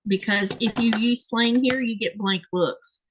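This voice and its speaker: Here the same kind of host, a woman from Florida with a Southern US accent, talks loosely while sewing and going through comments in her home craft room, full of fillers, self-corrections and rambling. She pitches a little high and keeps a measured pace. Slight background noise runs under a low-quality recording.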